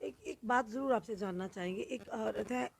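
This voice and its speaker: A woman interviewing a guest, prompting with short questions and steady acknowledgements. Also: a little high, moderate pace, gravelly.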